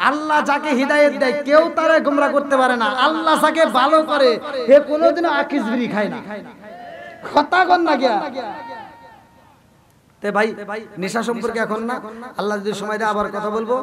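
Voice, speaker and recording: A man with a very high voice delivers a lively sermon at a gathering, acting out little dialogues and pressing listeners for agreement. At times he slips into sung chanting. A crowd is clearly heard behind him. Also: fairly quick, long pauses. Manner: jokey, acts out quoted dialogue, breaks into sung chanting; keeps prodding the crowd for agreement. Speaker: preacher. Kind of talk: Bengali waz sermon.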